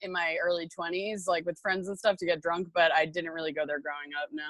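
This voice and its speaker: A woman's voice: fairly low pitch, level tone, fast talker, fairly bright tone, no echo. A young woman with a Long Island accent chats casually and informally as a podcast guest, often giggling and peppering her talk with "like". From Long Island, New York. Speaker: podcast guest, comedian and model. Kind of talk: casual chat.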